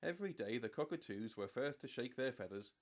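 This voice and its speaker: A male narrator for children's audiobooks, with a mid-pitched voice and a measured, expressive storytelling style.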